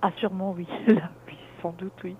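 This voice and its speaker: A middle-aged woman talking reflectively and haltingly about herself as a caller in a personal conversation. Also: on the low side, little pitch movement, a little hiss or hum. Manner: reflective, halting, thinking aloud. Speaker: caller consulting a dream analyst. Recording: tinny narrow phone line.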